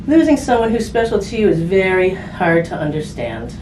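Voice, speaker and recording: With big pitch swings and a mid-range voice at normal speed, a woman reads a picture book to children. She speaks simply and conversationally, tossing in tag questions and casual asides. The distant mic yields roomy sound and background noise.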